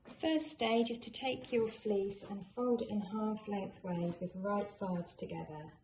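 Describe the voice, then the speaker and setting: A woman's voice: medium pitch, unhurried, darkish tone. A woman talking informally through a craft tutorial in a chatty, encouraging, conversational way. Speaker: sewing tutorial presenter. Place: indoors in a room at home. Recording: echoey room, clear background noise of drilling. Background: builders' drilling and work noise.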